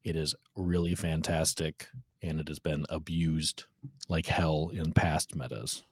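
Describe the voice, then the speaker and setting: A man's voice: a bass voice, steady tone, unhurried, breathy edge, no echo. A man guesting on a game podcast, explaining rules plainly with dry humor in casual chat.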